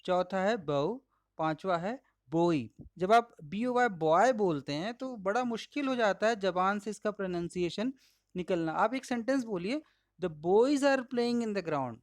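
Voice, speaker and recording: A male pronunciation teacher with an Indian English accent and Hindi as his first language, slowly and patiently modeling each word aloud while explaining slides. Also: high-pitched, animated, dry recording, studio quality. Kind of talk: slide-based lesson.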